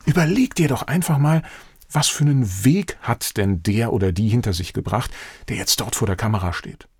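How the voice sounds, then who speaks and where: A man's voice: mid-range voice, moderate pace, breathy edge, no echo, clean studio sound. A man in his fifties, a voice coach, giving a direct coaching monologue that speaks straight to the listener. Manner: direct, animated, addresses listener as "du".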